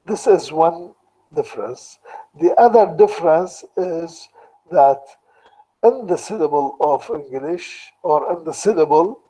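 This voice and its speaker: A man with an Iraqi Arabic accent giving a university lecture online, explaining slowly and deliberately and restating each point in two languages. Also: a little high, expressive, warm tone, slightly rough, poor audio.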